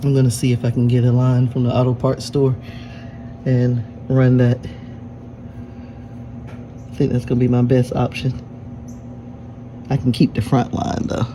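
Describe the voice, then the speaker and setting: A DIY car repair vlogger talks to the camera as he fixes his own car, casually explaining each step in plain language. His mid-range voice is completely flat, a little slow and broken by long pauses. Vehicle-like noise fills the busy workshop around him.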